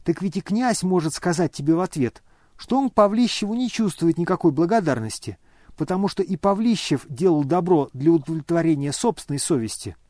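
Man reading as a fiery older noblewoman, scolding, exclaiming, mellow voice, dry sound. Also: on the high side, animated, fairly quick, no echo, lightly acted. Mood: indignant.

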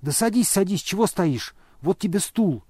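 A man's voice: high voice, animated, moderate pace, dark tone, slightly rough, dry recording, clean studio sound, voice pushed up. A man voicing an indignant older noblewoman who scolds and exclaims. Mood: alarmed.

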